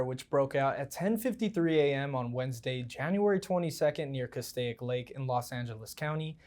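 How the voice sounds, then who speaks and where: A man's voice: medium pitch, darkish tone. A man reading scripted news stories as an anchor.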